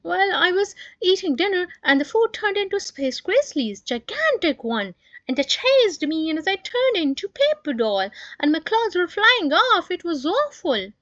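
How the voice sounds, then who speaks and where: Woman voicing a loud frantic little boy bear from a storybook, high and lively, dull dry sound. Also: normal speed, dry recording, exaggerated voice. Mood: panicked. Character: little boy bear, panicked after a nightmare.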